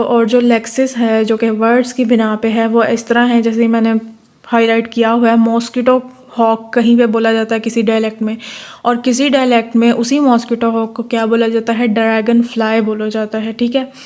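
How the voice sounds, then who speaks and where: A woman tutor from Pakistan, giving a lecture that reads English notes slowly and then explains them in her own words. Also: on the high side, little pitch movement, darkish tone.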